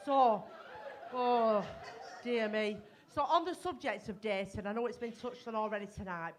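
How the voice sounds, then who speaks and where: A woman's voice: mid-range voice, background noise. A middle-aged woman from North West England, performing a bawdy, self-mocking stand-up comedy set at a live gig.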